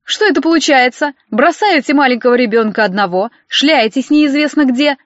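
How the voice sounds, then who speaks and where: Female narrator doing a nasty, loud, preachy lady inspector, brighter than the reader's own voice, dull dry recording. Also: sits high, lively intonation, normal speed, dry recording. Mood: scolding. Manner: scolding, sneering, loud. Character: spiteful middle-aged female welfare inspector. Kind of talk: audiobook character reading.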